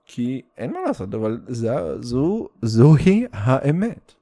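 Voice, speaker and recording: A Soviet-born man with a Russian accent hosts a casual solo podcast, blunt and sweary, rambling with English slang thrown in and a stop-start delivery. His mid-range voice swings widely in pitch and has a creaky, dark tone.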